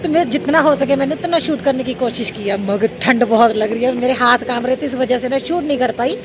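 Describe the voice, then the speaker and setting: A woman films herself outside on a rainy night and talks to her viewers in a chatty, teasing way. Her voice is high and bright. Clear street and rain noise sits under her phone recording. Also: fairly quick. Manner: chatty, teasing, says she is cold. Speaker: vlogger and mother. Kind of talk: casual on-location vlog talk. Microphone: handheld phone camera.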